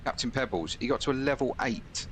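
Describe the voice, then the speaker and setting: A man's voice: medium pitch, animated, brisk, a bit bright. A man livestreaming as a flight sim pilot, switching between casual chat and radio calls. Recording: clear vehicle-like background noise.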